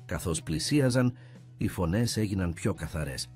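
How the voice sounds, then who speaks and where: A man's voice: deep voice, lively intonation, a little mellow, soft background music. A man narrating a scripted story in a dramatic storytelling manner.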